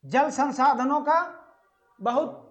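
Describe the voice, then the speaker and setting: A man with an extremely high pitch conducts exam-prep teaching on agriculture. He fires questions at the class, answers them himself, and draws out key words slowly. The sound quality is dull and lo-fi.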